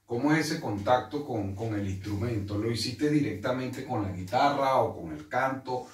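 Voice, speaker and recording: A man hosts a casual interview at an ordinary pitch, friendly and a little halting, with plenty of fillers. He sits some way from the mic. The room around him echoes. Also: distant mic. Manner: friendly, hesitant with many fillers. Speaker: interview host. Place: room in Santiago, Chile.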